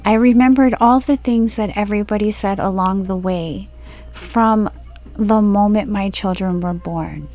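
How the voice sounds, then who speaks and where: A woman in her forties from Florida telling a personal story from home in a slow, rambling monologue that drifts onto tangents. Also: mid-range voice, a little mellow. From Florida, USA. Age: 40s. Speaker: spiritual video creator. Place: at home, indoors.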